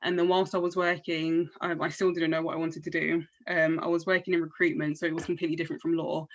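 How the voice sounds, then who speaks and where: Bright-voiced young woman on a call. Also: sits low, muffled recording. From South East London. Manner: chatty, frequent ums, self-deprecating. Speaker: pupil barrister, panel guest. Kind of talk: casual talk on an online panel.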